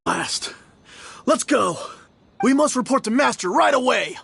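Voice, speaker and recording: An actor voicing a defiant male hired thug in a video game, with a gravelly voice and a curt way of speaking. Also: very high-pitched, lively intonation, unhurried, very noisy, full character voice. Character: gruff male hired thug, loyal to master.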